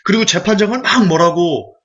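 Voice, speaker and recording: A male evangelist preaching a sermon, animated and full of rhetorical questions to the congregation. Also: high voice, fairly quick. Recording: dull lo-fi recording.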